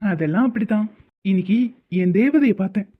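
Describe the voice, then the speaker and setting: A woman's voice: medium pitch, lively intonation, a little fast, husky. A woman voicing a boastful young male college student who brags about his charm in a cartoon. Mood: cocky. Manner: cocky, boastful, teasing. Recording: tinny phone-like lo-fi sound.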